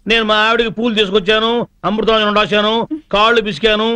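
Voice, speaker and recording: Bright high-voiced protesting man. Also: level tone, quick pace, clean tone, no room sound. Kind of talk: film comedy dialogue.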